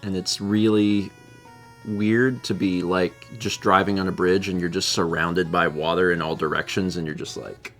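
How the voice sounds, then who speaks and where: A man's voice: sits low, fairly even intonation, normal speed, a bit bright, faint music behind. A man hosting a casual livestream, rambling and repeating himself as he muses and reads out viewer comments. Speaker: livestream host.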